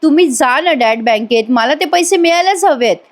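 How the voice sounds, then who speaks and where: A woman's voice: high-pitched, animated, normal speed, voice pushed up. A woman voicing a sulky young daughter who complains and insists. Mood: annoyed.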